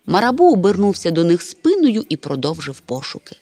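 A woman narrating a children's storybook aloud in an expressive way. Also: fairly low pitch, a little fast, dry recording. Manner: expressive, lively voices. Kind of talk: storybook reading.

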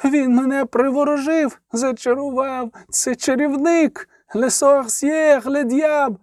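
A man voicing a shrill, desperate young noblewoman in an audiobook reading. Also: fairly even intonation, a little slow, no echo, studio quality. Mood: pleading. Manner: shrieking, pleading.

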